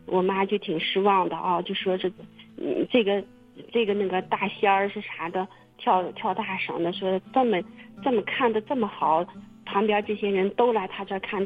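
A woman telling her own story in casual testimony, halting and repeating her words with many fillers. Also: mid-range voice, fairly even intonation, faint music behind. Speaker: testimony guest. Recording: muffled phone-line radio recording.

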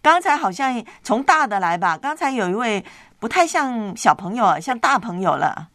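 A woman's voice: on the high side, sing-song, moderate pace, fairly bright tone, no room sound, clean studio sound. A woman hosting a live call-in, chatting with children in a coaxing, affectionate way. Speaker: radio call-in host. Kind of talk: live chat with child callers.

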